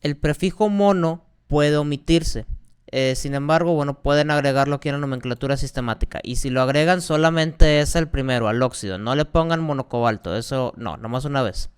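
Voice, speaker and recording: A man's voice: mid-range voice, a little fast, smooth. Male teacher, patient step-by-step explainer, very clean resonant voice. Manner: patient, repeats key points, asks rhetorical questions. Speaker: chemistry teacher.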